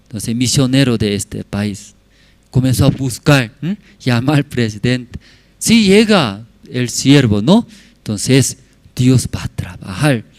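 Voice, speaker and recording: A man's voice: mid-range voice, lively intonation, slow pace, a little mellow, dry recording. A man preaching, telling a story and checking in with tag questions. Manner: frequent tag questions to the audience. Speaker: pastor. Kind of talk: sermon storytelling.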